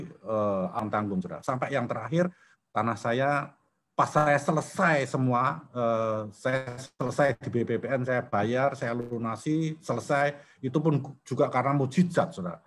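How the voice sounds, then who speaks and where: An older man tells his personal faith testimony to a church business fellowship. He speaks in a plain, middle-pitched voice and talks through his story conversationally. He keeps turning to his listeners as brothers and sisters. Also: unhurried.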